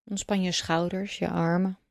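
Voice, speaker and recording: A woman guiding a breathing meditation, speaking calmly and slowly in a soothing way with long pauses. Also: on the low side, gravelly, no room sound, studio quality. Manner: calm, slow, soothing instruction with long pauses. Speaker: meditation guide. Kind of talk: guided breathing meditation narration.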